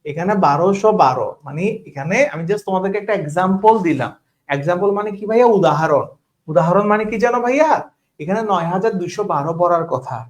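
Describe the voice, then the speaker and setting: A man tutoring math, talking casually, often checking if students understand and mixing in English words. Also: high voice. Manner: mixes English words into speech. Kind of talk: online class teaching.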